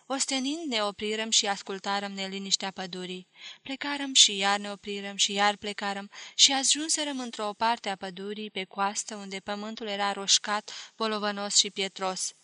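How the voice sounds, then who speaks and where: A woman narrating a literary novel aloud in a slow, deliberate, expressive way. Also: medium pitch, no room sound. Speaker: audiobook reader.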